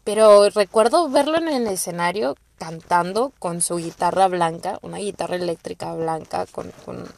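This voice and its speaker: Her voice is fairly low and gravelly, at normal speed with hardly any pauses, recorded dry. This young Mexican-accented woman hosts a podcast, rambling through personal stories, cursing freely and animatedly imitating the people she quotes.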